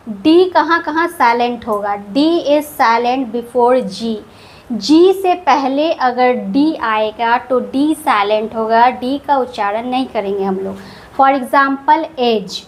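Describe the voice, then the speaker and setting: A woman teaching English pronunciation rules, who explains each rule slowly and repeats the example words with care. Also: high voice.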